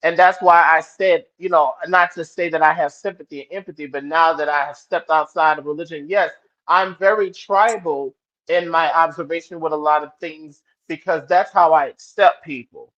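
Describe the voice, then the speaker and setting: A man with a fairly high voice talks in an animated way in a casual discussion. He repeats words as he gets going. The audio is dull and lo-fi. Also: normal speed. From New Orleans.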